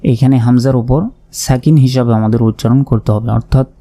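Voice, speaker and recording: A man's voice: medium pitch, flat delivery, fast talker, warm tone. A man teaching Quran recitation, spelling out Arabic words letter by letter and explaining pronunciation rules patiently and methodically.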